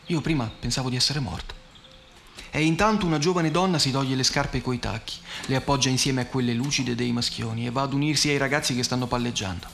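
A man in his thirties tells a first-person story in a gentle, wry, conversational manner. His voice sits at an ordinary pitch but has a gravelly, creaky texture, with a faint hiss of noise underneath. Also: fast, few pauses. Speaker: narrator.

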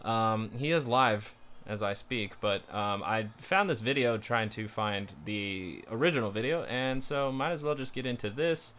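A man giving rambling, sardonic solo commentary in a casual self-described monotone, with frequent fillers and restarts. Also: lowish voice, unhurried, hardly any pauses. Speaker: commentary streamer.

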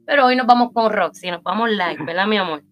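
A woman's voice: medium pitch, fast. A woman with a Puerto Rican accent hosting a podcast, chatting enthusiastically as she introduces and interviews a friend. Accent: Puerto Rican Spanish. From Puerto Rico. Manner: enthusiastic, warm-hearted praising. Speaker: podcast host. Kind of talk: casual interview chat.

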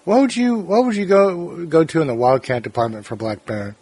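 A man hosting a casual podcast, teasing his guests and asking quick questions. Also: a little high, a little mellow, breathy edge.

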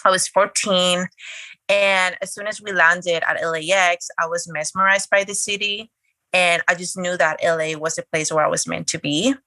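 A woman's voice: on the low side, steady tone, moderate pace, pushed and bright, dry recording. A woman, talking chattily as a podcast guest. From Spain. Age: late 20s. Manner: chatty, eager storytelling. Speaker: guest, blogger. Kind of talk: casual interview talk.

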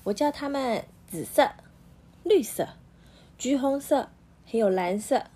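A woman voicing an excitable male magician in a children's storybook, exclaiming with pride. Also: sits high, measured pace, slightly rough, voice pushed up, full character voice. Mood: jubilant. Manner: exclaiming, bright and sing-song. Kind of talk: storybook read-aloud.

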